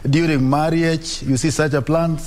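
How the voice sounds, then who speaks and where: A man's voice: a little high, fairly even intonation, normal speed, a little mellow. A man with a Kenyan accent explaining as an expert guest, repeating phrases for emphasis. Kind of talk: explanatory live commentary.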